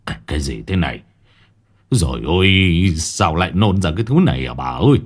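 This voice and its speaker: A terrified village husband from a ghost story wails and stammers in a husky, low voice, as a man puts him on. His pitch swings wildly while soft music plays faintly underneath. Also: very animated, normal speed. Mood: fearful. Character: panicked middle-aged village husband.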